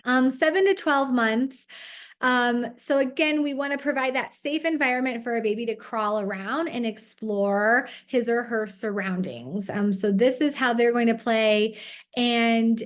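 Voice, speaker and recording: A woman's voice: a little high, unhurried. Chatty woman giving a parenting talk. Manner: warm, conversational, many "um" fillers. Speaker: parenting workshop presenter. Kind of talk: parent workshop presentation.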